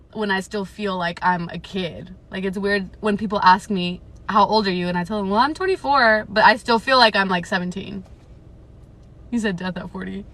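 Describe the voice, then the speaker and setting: A woman's voice: mid-range voice, sharp tone. A woman, reading a book aloud on a livestream and then chatting with viewers in a rambling way. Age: 20s. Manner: rambling and chatty, lots of filler words. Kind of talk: casual live chat and book reading.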